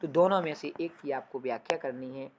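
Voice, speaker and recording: A woman giving an exam-prep lesson on a poem. She recites lines slowly and loudly, then explains them in a softer voice, calling her students dear children. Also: a bass voice, a little hiss or hum. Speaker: teacher.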